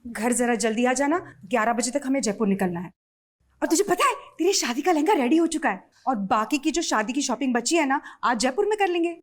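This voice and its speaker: A fussy, protective mother, with a very high and lively voice. She scolds and fusses in a TV crime drama. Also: brisk. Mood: busy.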